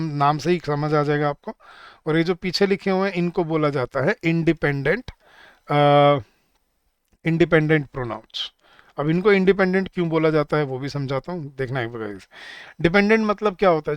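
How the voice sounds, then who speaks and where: A young man with an Indian accent teaching an online grammar lesson, chatty, calling viewers guys and slowing down for example sentences. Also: on the high side, smooth, dry recording. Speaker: English teacher.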